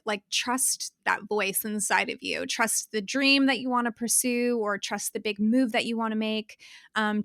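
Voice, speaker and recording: Passionate higher-voiced woman, bright and dry. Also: no room sound. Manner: passionate, animated, laughs often; self-correcting restarts when worked up. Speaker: guest, fashion brand founder. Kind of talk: conversational podcast interview.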